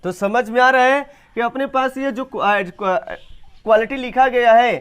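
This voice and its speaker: A young man teaching an English grammar class, quizzing students and repeating sentences slowly. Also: very high-pitched, fairly bright tone. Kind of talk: classroom lesson.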